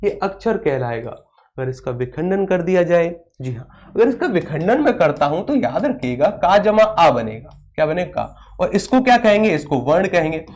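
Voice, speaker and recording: A man's voice: on the high side, very animated, moderate pace, a little mellow. A man teaching a live online class, asking questions and answering them himself, and stopping to reply to viewer comments.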